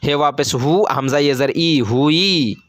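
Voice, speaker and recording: A man teaching how to read Urdu, spelling words letter by letter and then reading each one slowly. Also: on the high side, fairly bright tone, no echo. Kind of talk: slow spelled-out reading lesson.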